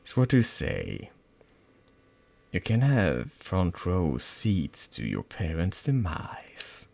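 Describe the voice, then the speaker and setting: A man's voice: rumbling low, very animated, slow pace, vocal fry, no echo, heavily acted. A man voicing a cruel teenage girl who taunts and threatens her friend in a cold, menacing way.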